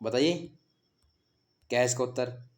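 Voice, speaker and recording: A man's voice: mid-range voice, measured pace. A man teaching an exam practice lesson, reading out each question and its options, then giving the answer and repeating key words as a question. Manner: quizzing, reads options then gives answers.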